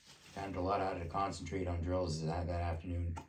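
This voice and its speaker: A man reading a storybook aloud to his child in a relaxed way, now and then stopping to chat with them. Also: low-pitched, fairly quick, reverberant, recorded from a distance, slight background noise, poor audio. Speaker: parent reading a bedtime story.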